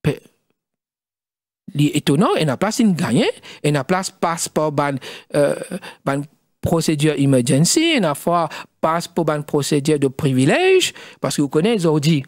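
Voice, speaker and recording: A middle-aged man with a Mauritian accent, a studio guest explaining in halting speech with many fillers and restarts. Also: fairly high pitch, big pitch swings, no room sound. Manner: halting, mixes French and Creole, many fillers. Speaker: studio guest, former district council president.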